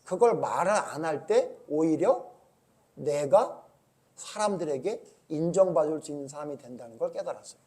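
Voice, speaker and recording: Pastor, male, high-pitched, emphatic sermon delivery, questions and answers the congregation. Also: expressive, moderate pace. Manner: emphatic, swings between loud urging and low asides.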